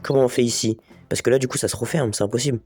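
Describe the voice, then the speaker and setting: Over soft background music, a gaming video host with a slight head cold does casual let's play commentary, thinking aloud and chatting straight to his viewers, whom he calls les gars. His medium-pitched voice is husky and darkish, racing along with fairly even intonation.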